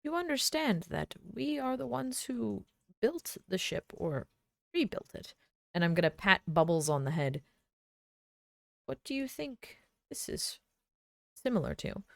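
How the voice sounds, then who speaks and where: A woman's voice: mid-range voice, very animated, measured pace, vocal fry, pauses often, dry recording, studio quality. A woman playing a tabletop game with casual, conversational role-play.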